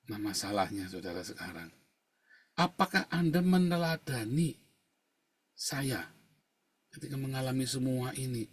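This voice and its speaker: A male pastor, preaching conversationally to his congregation and swinging between quiet asides and loud, emphatic outbursts. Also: medium pitch, animated, measured pace, pauses often, breathy edge. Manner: conversational preaching, constantly addressing listeners as brothers and sisters. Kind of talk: sermon with personal testimony.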